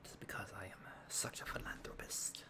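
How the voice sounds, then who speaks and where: A man putting on a sultry whispered smooth talker. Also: moderate pace, lightly acted. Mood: mock seductive. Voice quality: breathy whisper. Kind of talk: whispered role-play.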